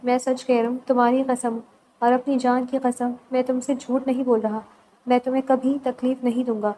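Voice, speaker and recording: An earnest young husband, soft-spoken and reassuring, pleading gently in a storybook romance, read by a woman in her own high voice. The delivery stays calm and even. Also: slight background noise, natural voice, poor audio. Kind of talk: novel read aloud.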